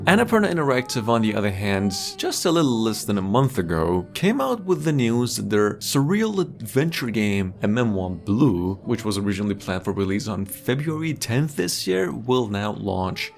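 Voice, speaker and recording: A man with a fairly low voice narrates gaming news as a host. His delivery is animated and conversational, with wordy asides, over faint background music. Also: normal speed, vocal fry, hardly any pauses. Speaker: video game news host.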